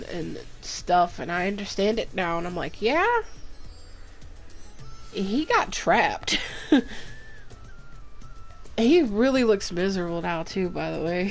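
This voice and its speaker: A woman's voice: medium pitch, creaky. A woman game streamer chatting casually and gossiping while she plays. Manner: chatty, gossipy, slow-spoken. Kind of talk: casual chat while playing. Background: faint game music.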